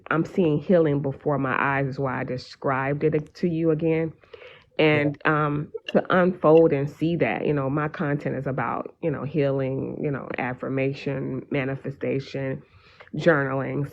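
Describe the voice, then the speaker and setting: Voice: mid-range voice, flat delivery, normal speed, gravelly, a little hiss or hum. A guest on a live stream talking earnestly and at length. The sentences wander and fill up with "you know" and "um". The audio sounds dull and lo-fi. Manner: earnest, meandering, frequent fillers. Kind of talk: casual conversation.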